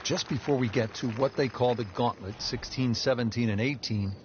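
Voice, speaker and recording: A man playing a composed TV golf commentator in a video game, calling play in a measured, polished announcer delivery. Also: medium pitch, background noise, natural voice. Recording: dull game audio with music and crowd.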